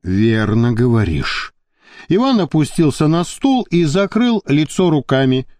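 A man narrating an audiobook in a steady storytelling manner. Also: on the high side, normal speed, dry recording, studio quality. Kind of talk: scripted narration.

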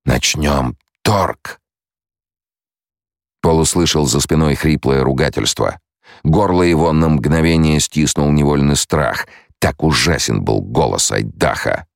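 A man narrating an audiobook in a measured, even storytelling manner. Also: very deep voice, vocal fry, no room sound, clean studio sound. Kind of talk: scripted narration.

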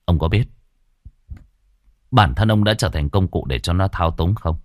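A stern exorcist master from a spoken fantasy tale, speaking in a low, firm, blunt voice, as a male narrator plays him. He questions people with commanding directness. The sound is dry and close. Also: lively intonation, measured pace, darkish tone, no echo.

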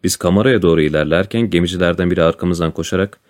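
Deep-voiced male storyteller. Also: very fast. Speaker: audiobook narrator. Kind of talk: storybook narration with voiced dialogue.

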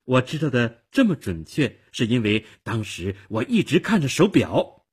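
A man voicing an eager, cocky young woman witness with a high, chirpy delivery in a radio story. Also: big pitch swings, moderate pace, husky. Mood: cheerful.

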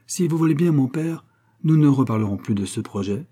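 A man reading the part of a calm, firm young engineer refusing his father in an audiobook. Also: medium pitch, fairly quick, voice pushed up, close to an everyday voice. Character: young male engineer, calm, stubborn son.

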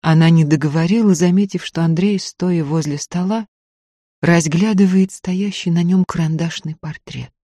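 A measured audiobook narrator delivering literary prose. The voice sits in a middle register, recorded close and dry, easing quieter on gentle moments. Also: mid-range voice, no room sound.

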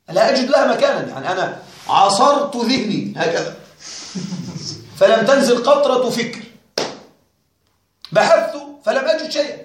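A male teacher with a high-sitting, fairly bright voice lectures his class on a grammar text, addressing students directly in a questioning, wryly puzzled way. The room is very echoey.

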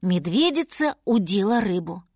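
A woman narrating a children's fairy tale in an audiobook, expressive and unhurried. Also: medium pitch, no echo, studio quality.

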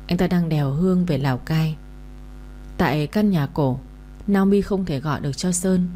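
A woman narrates a story in a steady, even reading voice. Her pitch sits low and the tone is mellow and dark. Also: moderate pace, a little hiss or hum.

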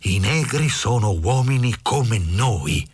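A man voicing a pompous, self-righteous baker who speaks slowly and gravely, with a husky voice. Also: medium pitch, lively intonation, no room sound. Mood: stern, accusing. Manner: slow, grave, sanctimonious.

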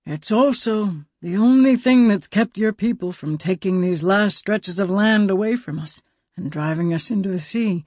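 A woman reading an audiobook, voicing a solemn, slow-speaking old man who serves as a guide. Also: medium pitch, darkish tone, dry recording, natural voice.

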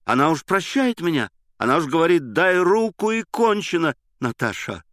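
Man doing a high, pushy-loud young lover, earnest and flustered, audiobook. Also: sing-song, moderate pace, dry recording, studio quality. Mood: excited pleading. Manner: eager, breathless protesting. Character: excitable, earnest young man pleading innocence.

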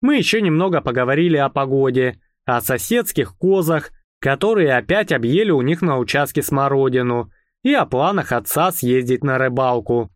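A man narrating a first-person audiobook in a calm, even, wry storytelling manner. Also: medium pitch, normal speed, no room sound, clean studio sound.

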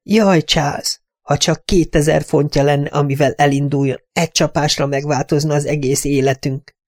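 A male audiobook narrator voicing a scornful, bitter young woman, raising his pitch for her mocking lines. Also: steady tone, dry recording, clean studio sound, natural voice. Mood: pleading.

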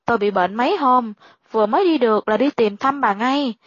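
Sly old male sorcerer, read by a woman; pushy, flat delivery, high-set voice, dull lo-fi sound. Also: brisk, no room sound. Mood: insistent.

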